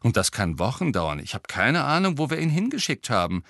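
A man's voice: medium pitch, big pitch swings, brisk, fairly bright tone, no room sound, studio quality, pitched above the performer's own voice. A man voicing a cool, teasing teenage boy prankster in an audiobook. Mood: cocky.

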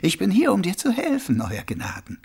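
A serene old monk who sweeps floors for pennies, as a male narrator puts him on, speaking in a raised, gravelly voice. He takes his time over every phrase, gently amused and reassuring. The voice swoops up and down with a husky edge. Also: high-pitched, huge pitch swings, pitched above the performer's own voice, heavily acted. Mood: calm, amused. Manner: slow, gently amused, soothing. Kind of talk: audiobook character voice.

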